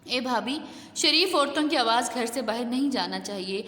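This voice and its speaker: A woman teacher voicing a gentle sister-in-law who coaxes and soothes, read in an echoey room. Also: a little high, expressive. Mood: coaxing. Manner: coaxing.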